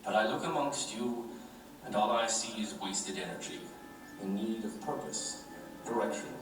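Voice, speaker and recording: A man playing an enigmatic headmaster in a cartoon, speaking in a measured, solemn way with deliberate pauses. The voice sits at a middling pitch and comes from afar in a very echoey space, with clear music underneath. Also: lightly acted. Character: calm, enigmatic male headmaster addressing new students. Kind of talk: animated series voice acting. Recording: very echoey, distant playback over music.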